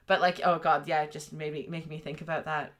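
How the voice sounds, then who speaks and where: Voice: medium pitch, flat delivery, fairly quick, crowd noise. A podcast co-host in a casual book discussion, chatty with many fillers, reading passages aloud.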